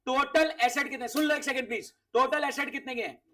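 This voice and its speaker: A man's voice: very high-pitched, quick pace, fairly bright tone, distant mic. A man teaching accounts to a class of students, quizzing them, repeating key words and sending off those who answer right.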